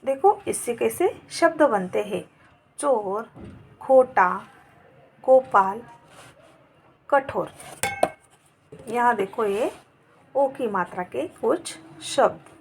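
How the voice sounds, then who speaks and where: A woman's voice: on the high side, animated, extremely slow, long pauses, a little hiss or hum. A woman teaching a grammar lesson, going through examples word by word in a patient, dictating manner.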